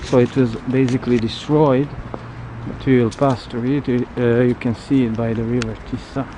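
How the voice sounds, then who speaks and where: A travel vlogger working as a tour guide, a man whose first language isn't English, leads a walking tour on windy city streets by a river. His medium-pitched voice stays fairly even as he speaks in a halting, searching way, with loud wind and street noise in the outdoor recording.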